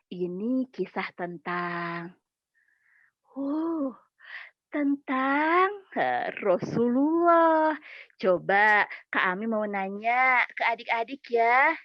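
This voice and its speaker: A woman storyteller with a high voice, coaxing young children along in a playful, slow way. The recording is dry, close and a little dull. Every line stays unhurried and gentle. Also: no echo.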